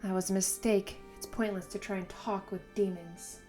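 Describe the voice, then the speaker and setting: A woman's voice: medium pitch, fairly even intonation, normal speed, warm tone, faint music behind, close to an everyday voice. A woman voicing a stern, unyielding female elf mage from a manga in a matter-of-fact manner. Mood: stern, dry.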